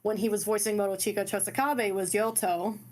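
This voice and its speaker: A woman's voice: medium pitch, fairly even intonation, a little fast. A woman co-hosting a gaming podcast in casual chat, rambling with lots of fillers. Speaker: podcast co-host.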